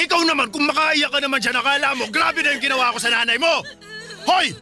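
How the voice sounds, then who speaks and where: Radio drama: middle-aged bully of a husband, sneering, threatening, high and piercing voice, soft music underneath. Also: male voice, quick pace, heavily acted. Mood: threatening, angry. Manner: scolding, sneering and shouting. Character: bullying hot-tempered husband and father.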